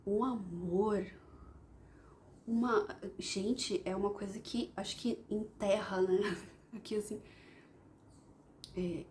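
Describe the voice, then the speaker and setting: A Brazilian Portuguese-accented woman telling a personal story in a halting, reflective way, often stopping to search for words. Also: mid-range voice, a little mellow, slight background noise. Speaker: vlogger.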